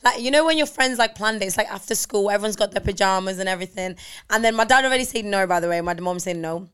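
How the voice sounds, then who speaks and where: A young woman from Liverpool co-hosting a podcast in a relaxed chat. She tells lively stories and slips into quick impressions of her parents as she goes. Her voice is smooth and clear, pitched in an ordinary middle range. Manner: animated storytelling, acts out her parents in voices. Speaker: podcast co-host. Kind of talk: casual chat.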